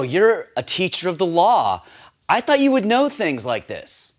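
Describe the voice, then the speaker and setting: A man giving a scripted teaching talk on sharing faith, earnest and steady, lifting his voice when he acts out quoted lines. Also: mid-range voice. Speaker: campus ministry teacher.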